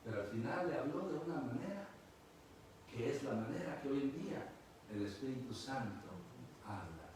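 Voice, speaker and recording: A man preaching a sermon. He swings from loud pleading calls to soft, hushed lines. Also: mid-range voice, lively intonation, normal speed. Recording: echoey room, mic at a distance, noisy.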